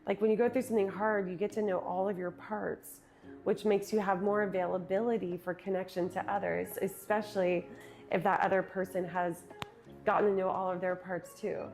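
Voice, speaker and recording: A woman speaking as an interview guest, reflecting earnestly on her work as a speaker and retreat host, sometimes speeding up and sometimes slowing down. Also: mid-range voice, flat delivery, a little mellow, faint music behind. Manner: earnest, with quick and slow stretches, laughs easily.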